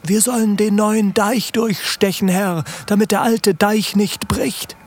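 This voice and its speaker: A man's voice: sits high, steady tone, unhurried, pitched above the performer's own voice. A man voicing frightened dike workers who answer their master timidly. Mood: fearful. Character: frightened dike laborers, common working men.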